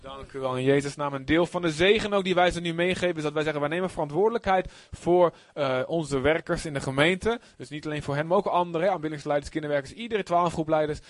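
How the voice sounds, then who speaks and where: High-pitched pastor guy blessing the church, dry sound, keeps repeating himself. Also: fast talker, few pauses, no echo. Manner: declarative, repeats phrases, speaks in tongues. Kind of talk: sermon and blessing prayer. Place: church service.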